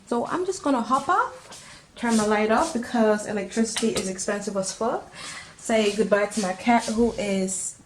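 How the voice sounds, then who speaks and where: A woman's voice: medium pitch, moderate pace. Young female vlogger, chatty and frank, heavy morning voice, handheld phone, faint noise behind. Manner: chatty, frank, slips into French. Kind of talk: casual vlog chat. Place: home, then outdoors. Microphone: handheld camera or phone.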